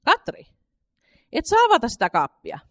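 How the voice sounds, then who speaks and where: A woman's voice: fairly high pitch, wildly swooping pitch, fairly bright tone, no echo, studio quality, pitched above the performer's own voice, heavily acted. Woman doing a firm, stern mother. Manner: firm and forbidding.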